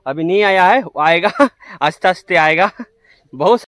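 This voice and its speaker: A young truck driver films himself on a phone beside his truck in farm fields, chatting casually to his viewers in vlog narration. He addresses them directly in a high voice with a fairly bright tone at a moderate pace.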